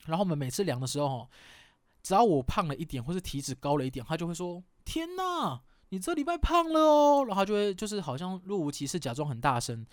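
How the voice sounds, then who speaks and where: Guy around 30 rambling on his podcast, pokes fun at himself, kinda high voice, dry close mic. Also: animated, fast, a little mellow, dry recording. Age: 30s. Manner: candid, rambling, self-mocking with mild swearing. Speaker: podcast host. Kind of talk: casual chat.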